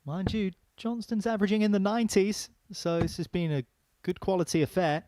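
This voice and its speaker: A man's voice: sits high, a little fast, warm tone. Male darts commentator over background noise. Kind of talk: live sports commentary, conversational.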